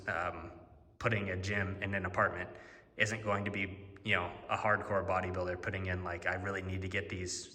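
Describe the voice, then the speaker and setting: A deep, forceful male voice rambles through casual vlog chat, full of fillers and restarts. A long, cave-like echo hangs on every word, as if the mic cable were faulty. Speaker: fitness vlogger. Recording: echoey, cave-like reverb on the mic.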